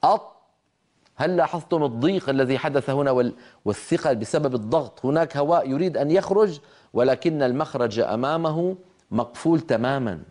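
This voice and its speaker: Brief: male tajweed teacher, mid-pitched, patient, models each sound for the class. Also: fast, darkish tone. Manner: patient, demonstrates letter sounds aloud; asks listeners to repeat after him. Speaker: Quran recitation teacher. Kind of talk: televised tajweed lesson.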